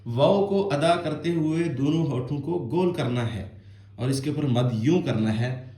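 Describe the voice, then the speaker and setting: A man's voice: mid-range voice, mellow, reverberant. A man teaching children Quran reading, patiently explaining and stretching out each letter sound in melodic recitation. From Azad Kashmir, Pakistan.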